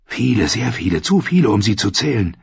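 A man voicing a grave, solemn boy who speaks in a measured, grim way close to his own reading voice, in an audiobook. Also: lowish voice, sing-song, gravelly, husky, no room sound, dull audio, full character voice.

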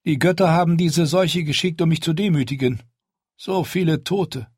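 A proud, stubborn young queen, voiced by a male audiobook reader, giving orders in a raised, clipped tone. The husky edge of the reader's voice stays in the lifted pitch. The recording is dry and close. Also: moderate pace, darkish tone, no echo. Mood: resolute. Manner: raised pitch, firm commanding delivery. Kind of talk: audiobook character voice.

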